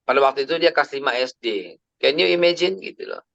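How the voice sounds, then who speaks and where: A man's voice: mid-range voice, lively intonation, quick pace, creaky, pushed and bright, no echo. A man, telling personal stories in a chatty family sermon and sprinkling in English phrases. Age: 50s. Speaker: Islamic preacher. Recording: dry, slightly dull lo-fi recording.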